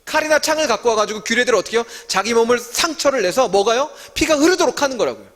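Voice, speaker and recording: A man's voice: very high voice, expressive, quick pace, a bit bright. A man leading a Bible study as a sermon, asking his listeners one question after another and answering them himself. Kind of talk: interactive sermon teaching. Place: church hall. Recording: long church-hall reverb.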